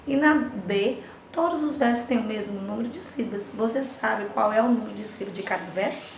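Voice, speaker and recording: Brazilian woman teacher, fairly high voice, echoey room, background noise. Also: brisk, vocal fry. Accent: Brazilian Portuguese. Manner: sings nursery rhymes between explanations, checks in with "né, gente?". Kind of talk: recorded remote class lesson.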